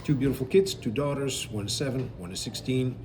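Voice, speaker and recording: A middle-aged man from Belgium, a cruise director, answering interview questions in a relaxed, explanatory way with frequent fillers. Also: medium pitch, brisk, background noise. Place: aboard a river cruise ship.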